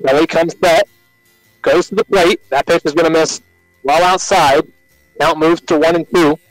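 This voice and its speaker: A man with an American accent calling live baseball play-by-play on the radio in short, measured announcer phrases. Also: on the high side, steady tone, dry recording, faint music behind, rough recording.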